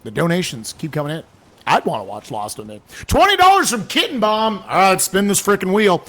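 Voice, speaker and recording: Man, charity stream host, high lively voice, gravelly edge, excitable chatter. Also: fairly quick. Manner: excitable, reads donations aloud, reacts loudly to gross jelly beans. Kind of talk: casual livestream chat.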